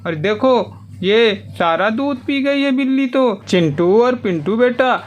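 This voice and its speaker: A man narrating a toy play story for children in an animated, coaxing way, with lots of exclamations. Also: very high voice, measured pace.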